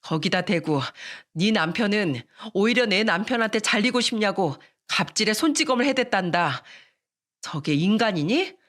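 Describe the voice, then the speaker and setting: A woman voicing a furious older sister, a tough former boxer, who scolds in a blunt, forceful way. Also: medium pitch, expressive, normal speed, lightly acted.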